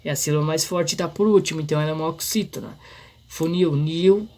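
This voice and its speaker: A man explaining a grammar lesson in an informal, halting way, full of restarts and fillers. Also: fairly high pitch. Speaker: teacher.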